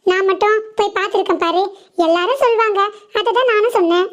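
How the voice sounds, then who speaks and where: A woman doing a mischievous cartoon schoolgirl with a very high, bright childlike voice who teases her friend with playful jabs. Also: quick pace. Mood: teasing. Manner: playful teasing. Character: teasing, cheeky schoolgirl friend.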